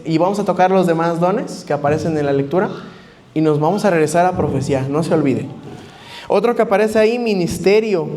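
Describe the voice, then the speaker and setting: A man's voice: sits high, darkish tone. A man preaching a sermon to a congregation, teaching word meanings and putting questions to his listeners. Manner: teaching, asks the congregation questions and spells out Greek terms.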